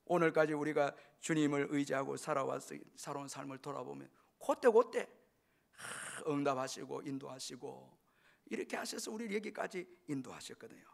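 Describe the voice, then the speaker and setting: A middle-aged male pastor preaching a sermon, repeating key phrases and swinging between loud exhortation and hushed whispers. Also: on the high side, moderate pace, creaky.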